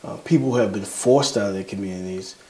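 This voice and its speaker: A man's voice: on the low side, a little fast, darkish tone, rough recording. A man who leads a community development group, speaking earnestly and emphatically in an interview, with some fillers.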